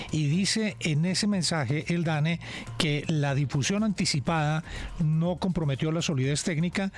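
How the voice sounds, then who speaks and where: Man, Colombian accent, somewhat high pitch, news panel explanation, measured, hesitant pauses. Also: darkish tone. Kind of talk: explanatory live news discussion.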